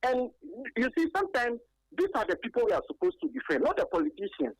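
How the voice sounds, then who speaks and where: A woman's voice: a little high, very animated, fast, no room sound. A woman with a Ghanaian accent calling in to a radio sports show over a clipped phone line, making her case earnestly and emphatically with frequent hesitations. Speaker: radio call-in caller. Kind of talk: call-in opinion on a sports show. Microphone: telephone.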